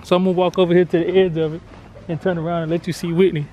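Speaking rapid-fire in a high, mellow, flat voice, an American man about thirty gives a chatty, informal house tour for his family vlog. He films on a handheld camera at arm's length, and background noise is clearly present.

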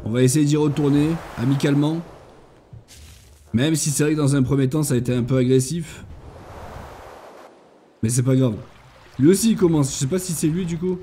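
A man's voice: a little high, normal speed, long pauses, dark tone, slight background noise. A man hosting a gaming channel, chatting casually and thinking aloud as he plays, with jokey asides. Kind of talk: casual let's-play commentary.

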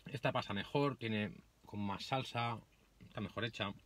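A man from doing casual food vlog commentary with a relaxed, chatty manner, talking with his mouth full of burger. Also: on the low side, moderate pace, slight background noise. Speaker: food vlogger.

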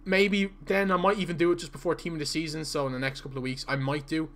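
Fast-talking and a bit bright, with a fairly high, level voice, a young Irish adult chats with his stream viewers while playing, reading out their messages and sometimes stuttering. He's in a small room indoors, and there's a little hiss or hum.

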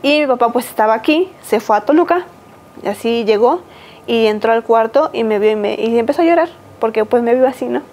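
A Mexican woman in her thirties, a podcast guest giving a personal testimony, talking haltingly with many fillers and restarts. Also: fairly high pitch, darkish tone, rough recording. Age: 30s.

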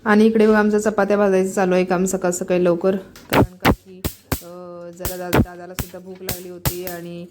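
A woman's voice: on the low side, little pitch movement, normal speed, over loud music. A woman vlogging at home, chatting casually and pointing things out to her viewers. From Maharashtra. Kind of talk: casual home vlog narration.

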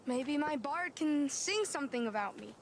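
A woman's voice: high-pitched, expressive, normal speed, slight background noise. A woman voicing a hesitant, earnest, downcast young boy in a naturalistic video game scene. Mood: shy, agreeable.

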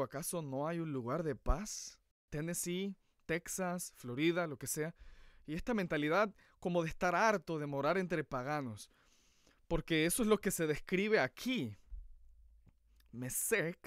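A man's voice: on the high side, measured pace, dry recording, clean studio sound. A man preaching a sermon in an earnest, emphatic way.

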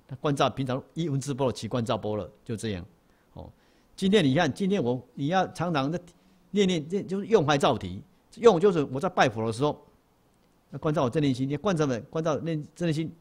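A Buddhist monk gives a dharma lecture to a class, repeating key phrases and asking rhetorical questions. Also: male voice, medium pitch. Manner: repetitive and emphatic, poses rhetorical questions, often restarts. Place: lecture hall.

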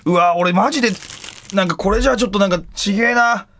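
A man streaming live, chatting casually in rough slang with loud exclamations while he handles and examines an object. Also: high voice, fast talker, a little hiss or hum.

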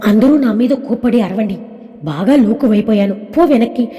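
A woman's voice: on the high side, normal speed, warm tone, natural voice. A woman voicing a hot-tempered, dramatic young woman who snaps and sulks, in a storybook reading. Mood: angry sulking. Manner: angry, whiny outbursts. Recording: echoey reverb.

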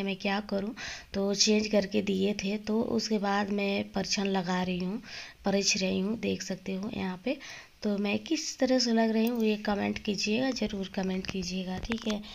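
A woman vlogger, hoarse from a cold, explaining a wedding's rituals to viewers in a casual vlog. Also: medium pitch, steady tone, normal speed, lo-fi sound. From Jharkhand, India.

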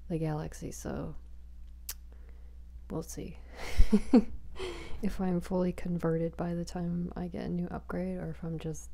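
Low gravelly soft-spoken woman. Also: little pitch movement, moderate pace. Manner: rambling, whispery, chatty, giggly. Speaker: ASMR creator. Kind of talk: soft-spoken ASMR chatting. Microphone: small close microphone.

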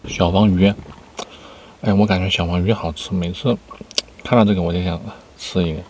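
A man's voice: sits low, steady tone, moderate pace, a little mellow, a little hiss or hum. A man in his thirties chatting casually to camera between bites while eating inside a car. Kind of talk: casual mukbang chat.

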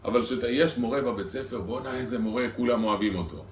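A male rabbi teaching a congregation, keeping it lively with rhetorical questions to his listeners. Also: mid-range voice, slight background noise. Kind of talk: Torah lesson to a congregation. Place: synagogue hall. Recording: echoey hall recorded from a distance.

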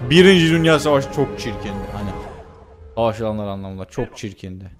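A young man with a lowish, animated voice talks fast over music while playing a video game. His let's-play commentary is casual, chatty and joking, with lots of filler sounds.

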